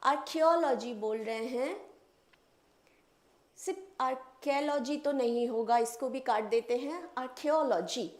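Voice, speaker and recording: High-voiced woman teacher spelling words slowly. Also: darkish tone, echoey room. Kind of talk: exam-prep spelling lesson.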